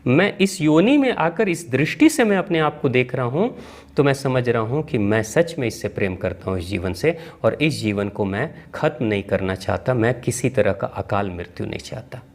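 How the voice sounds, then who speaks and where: A man's voice: medium pitch, expressive, normal speed, lightly acted. A man voicing an old male guru, reborn as a piglet, who speaks in an earnest, reflective way within a spoken story.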